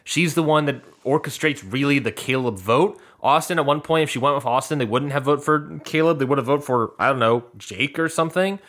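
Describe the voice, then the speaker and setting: A man's voice: medium pitch, fairly quick, hardly any pauses, fairly bright tone. A man co-hosting a casual podcast chat who talks in a playful, teasing way. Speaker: podcast co-host.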